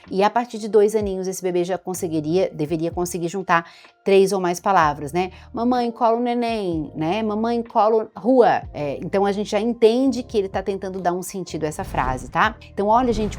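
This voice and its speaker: A woman doctor with a Brazilian Portuguese accent, explaining baby development to parents in a chatty, lively way. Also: medium pitch, brisk, soft background music. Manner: chatty, warm explainer, imitates baby sounds and baby talk. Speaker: doctor giving parenting advice. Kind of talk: explanatory talk to camera.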